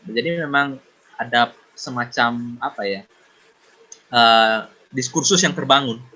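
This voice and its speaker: Reflective man with a bright voice. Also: medium pitch. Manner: reflective, pausing with fillers. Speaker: guest. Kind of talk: casual podcast discussion. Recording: dull lo-fi sound.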